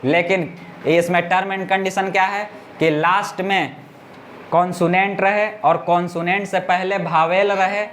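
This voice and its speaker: A man teaching a classroom lesson in a high-pitched voice, breaking each rule down slowly and patiently. He keeps pausing to ask the students whether they have followed him. A faint hiss of noise sits under his voice. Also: fairly even intonation, a bit bright. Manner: explains step by step, keeps checking students understand.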